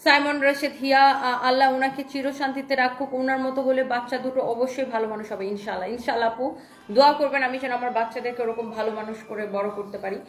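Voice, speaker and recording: An online saree seller from Bangladesh runs a live sales stream, chattily and enthusiastically reading viewer comments out loud. Her voice sits high and steady and she talks fast. The recording has soft background music and a roomy echo.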